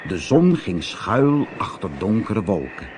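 Slow lively male storyteller. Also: fairly low pitch, slight background noise. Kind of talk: children's story reading.

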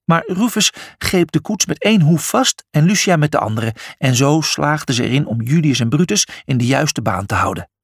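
A man's voice: fairly high pitch, animated, normal speed, hardly any pauses, husky, dry recording, clean studio sound. A man narrating a children's adventure story, reading expressively.

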